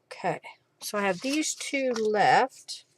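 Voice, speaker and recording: A woman with a mid-range voice speaks slowly but animatedly while hosting a craft livestream, with slight background noise. Handling craft materials, she thinks aloud and chats informally through every step.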